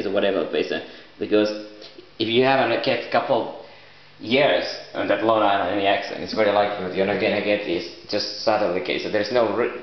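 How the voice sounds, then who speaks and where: A man who is not a native English speaker, talking in a rambling, unscripted solo vlog with halting, repetitive, loosely broken phrasing. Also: on the low side. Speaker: vlogger. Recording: echoey room, dull muffled sound.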